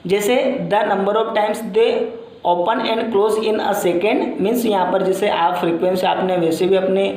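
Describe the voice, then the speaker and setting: A man teaching a lesson at a slow, unhurried pace, circling back over each point with plenty of filler words. He reads quoted English lines out slowly before explaining them. His voice rings through a very echoey room. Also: high-pitched, steady tone, a little mellow. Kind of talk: classroom lecture explaining English grammar.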